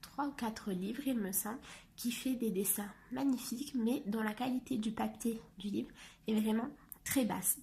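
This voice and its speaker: Woman chatting thru a coloring book review, soft half whisper, lotsa "euh", slightly high voice, faint hiss behind. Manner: hesitant, with frequent fillers.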